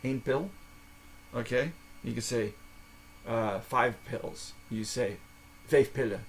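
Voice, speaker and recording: An American man talks through a casual language lesson at a slow, unhurried pace. He halts and repeats himself often, spelling words out letter by letter, in a voice of ordinary, middling pitch. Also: steady tone, slight background noise. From United States. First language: English. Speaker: podcast host.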